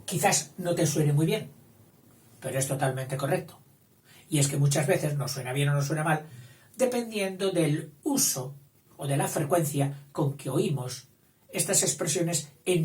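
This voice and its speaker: Slow-talking male teacher in an echoey room. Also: fairly high pitch, a little mellow. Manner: patient, explanatory, checks in with frequent "eh?". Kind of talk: grammar lesson. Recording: roomy echo, distant mic, faint hiss.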